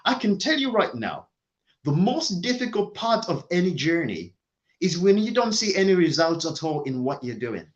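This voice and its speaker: This motivational speaker talks at a normal speed, his high, lively voice swinging up and down for emphasis. Repetition is his main tool, with key lines delivered twice over. The sound quality is muffled and lo-fi.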